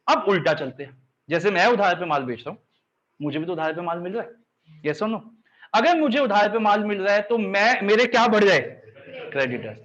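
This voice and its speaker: A man with a high voice leads a live revision class, firing quick checks at his students and making them recite points back. The sound is dull and lo-fi. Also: fairly bright tone. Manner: checks understanding often, drills students by call and response. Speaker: teacher.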